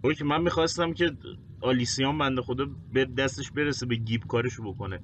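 A man playing a tabletop game, working out his moves out loud, counting numbers and checking with the game master. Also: mid-range voice, a little hiss or hum. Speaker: player. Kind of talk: casual chat at a tabletop game.

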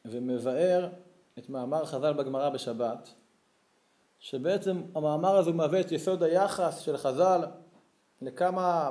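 A man's voice: a little high, warm tone, roomy sound. A man giving a religious Torah lesson, telling stories expressively and rising to emphatic peaks. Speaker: Torah teacher.

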